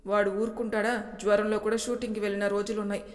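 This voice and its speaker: A woman's voice: medium pitch, flat delivery, fast, natural voice. Storybook grandfather over 60, anxious and kindly, read by a woman, echoing reverb. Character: worried grandfather, older man, fond of grandsons.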